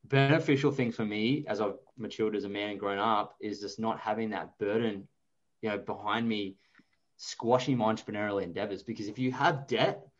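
A lowish-voiced Australian man in his thirties talks at a moderate pace over lo-fi sound. As an interview guest, this investor and author keeps things casual, chatty and full of anecdotes.

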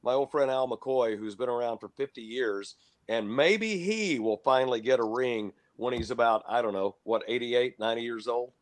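An older man from Texas, a longtime basketball broadcaster, giving measured, opinionated answers as a guest in a casual interview, with no regional accent. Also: medium pitch. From Lubbock, Texas.

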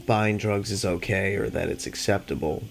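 A man who is high, chatting casually as a solo podcast host in a laid-back, rambling, slangy stoner manner with plenty of swearing, music behind him. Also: fairly even intonation, normal speed, vocal fry. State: high on cannabis.

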